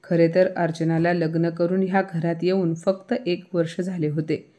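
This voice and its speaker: A woman storyteller narrating a scripted family moral story in a steady, even way. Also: on the low side, moderate pace.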